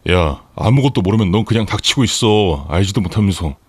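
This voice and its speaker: A man voicing a hot-tempered, contemptuous young husband who snaps and yells, in a story read for radio. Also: lowish voice, animated, fairly quick, breathy edge, no echo. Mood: angry yelling. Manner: snapping, yelling.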